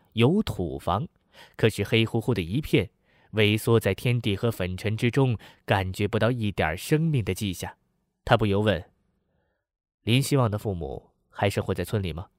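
A man narrating a novel in a measured, somber storytelling manner. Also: lowish voice, dry recording, studio quality. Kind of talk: audiobook narration.

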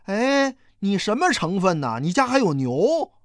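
A reader voicing a nosy, suspicious village questioner who probes with sharp questions. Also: mid-range voice, big pitch swings, normal speed, no room sound, clean studio sound, voice pushed up, close to an everyday voice. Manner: prying, sharp, probing.

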